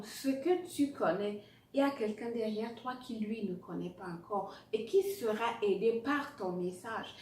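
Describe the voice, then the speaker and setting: This writing coach's voice sits fairly high, and she sounds distant and echoey as she gives motivational lessons full of acted-out anecdotes. Her delivery is emphatic and direct, with repeated key phrases and English words slipped into French. Roomy echo, a far-off microphone and faint noise mark the recording.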